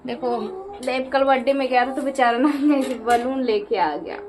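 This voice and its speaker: A woman's voice: high-pitched, steady tone, moderate pace, background noise. A woman vlogger chatting straight to her viewers in a casual home voice-over.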